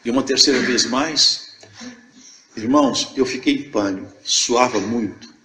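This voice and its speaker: An older man from Viçosa, telling his religious testimony as a lively storyteller who acts out the dialogue. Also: medium pitch, a little slow, echoey room, a little hiss or hum. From Brazil, Viçosa. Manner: animated storyteller acting out dialogue. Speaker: church member giving testimony.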